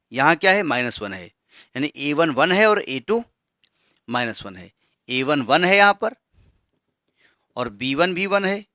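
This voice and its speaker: A man's voice: a little high, bright, forceful tone, no echo, clean studio sound. A man teaching a maths lesson, explaining step by step with asides and rhetorical questions. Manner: reads English problem text slowly and deliberately.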